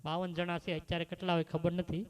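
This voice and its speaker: Lively man telling stories. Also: on the high side, fast talker, clean tone. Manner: lively storytelling with rhetorical questions. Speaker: bhajan singer and storyteller. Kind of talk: devotional sermon with anecdote.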